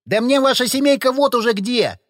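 A man voicing a loud, quick-tempered, swearing male rider in an audiobook. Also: high-pitched, big pitch swings, no room sound, studio quality, pitched above the performer's own voice. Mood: angry.

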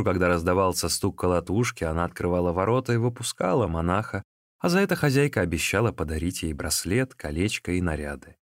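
A man's voice: lowish voice, no echo, studio quality. A man reading a classic novel aloud as narrator, expressively. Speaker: audiobook narrator. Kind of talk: scripted narration.

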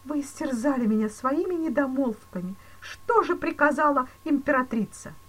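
A terrified male banker , as a woman reader puts him on, pleads in shrill, panicky bursts. His pitch sits high and leaps all over the place. It is a storybook scene read aloud. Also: animated, moderate pace, rough recording. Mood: panicked.

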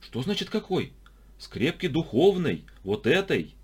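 A naive, blissful young woman from a strange cult, as an audiobook reader plays her, her high voice lifted far above a man's usual register. She talks sweetly and wide-eyed, with a lively, sing-song lilt. A slightly husky grain sits under the sound. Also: unhurried, exaggerated voice. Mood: aghast. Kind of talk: audiobook character voice.

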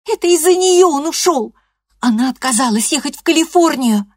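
A woman voicing a hot-tempered teenage girl who shouts back in shrill outbursts. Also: lively intonation, fairly quick, no room sound, clean studio sound. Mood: indignant.

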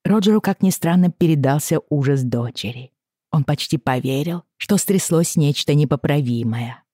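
Very low-voiced woman reading a novel. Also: normal speed, no echo, clean studio sound. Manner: expressive, dramatic reading with voiced characters. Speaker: audiobook narrator. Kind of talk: scripted narration.

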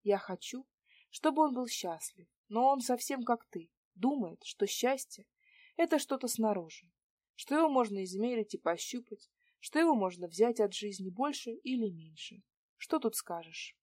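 Woman reads young idealist heroine, calm and firm, dry close read. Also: fairly high pitch, moderate pace, dry recording, pitched above the performer's own voice. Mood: quiet, sincere.

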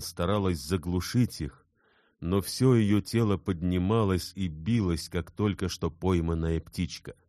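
Deep, dark-voiced male narrator. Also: no echo, clean studio sound. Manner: measured, dramatic storytelling. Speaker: audiobook narrator. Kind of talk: scripted literary narration.

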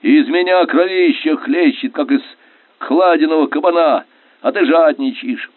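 A gruff wounded man grumbles through his pain, as a man reads him out. The voice sits low, and the sound is thin and tinny. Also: lively intonation, moderate pace, no room sound. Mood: grumbling. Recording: dry, tinny narrow-band recording.

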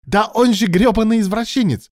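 A man voicing an emotional young male lover who pleads and shouts in a raised voice. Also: moderate pace, dry recording, clean studio sound, close to an everyday voice. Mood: furious. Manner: high-pitched, pleading then shouting.

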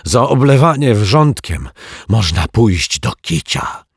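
A man voicing a lazy, quick-tempered male lodger in a children's story, snarling and shouting indignantly. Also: deep voice, lively intonation, dry recording, clean studio sound, heavily acted.

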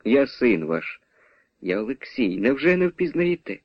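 A man playing a quiet, pleading young nobleman. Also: mid-range voice, big pitch swings, unhurried, husky, no echo, full character voice. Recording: dull dry radio recording.

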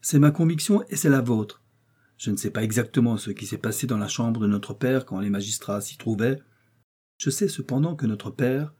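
A man's voice: mid-range voice, dark tone, breathy edge, natural voice. Man voicing a young woman with a firm, insistent manner. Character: young woman, determined, cold resolve.

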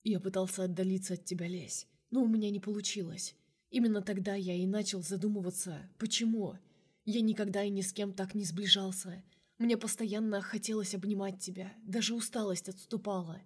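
A woman voicing a tender, remorseful young man in an audiobook, speaking softly and earnestly. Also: mid-range voice, steady tone, fairly quick, slightly rough, close to an everyday voice. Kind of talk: audiobook character reading.

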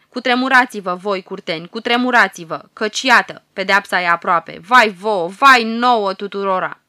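A woman reads as an old prophet crying out a curse, loud and solemn, his lament ringing bright and sharp. The sound is dry and close, like a storybook recording. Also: a little high, no echo. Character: old male prophet, wailing doom.

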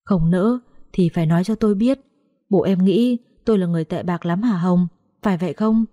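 A woman's voice: fairly low pitch, fairly quick, mellow, no echo, clean studio sound, natural voice. A woman voicing a young master of the house who speaks firmly but kindly. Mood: stern. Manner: firm, serious.

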